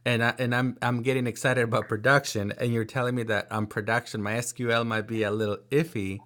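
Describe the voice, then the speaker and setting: A man's voice: medium pitch, little pitch movement, fairly bright tone. A man hosting a casual technical chat, thinking aloud with frequent restarts and asking follow-up questions. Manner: halting, many fillers and restarts, inquisitive.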